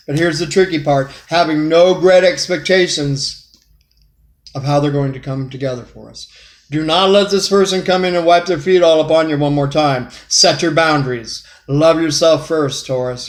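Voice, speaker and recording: Folksy man giving a tarot reading. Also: on the high side. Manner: folksy, repeats phrases, talks straight to the viewer. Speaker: tarot reader. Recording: echoey room.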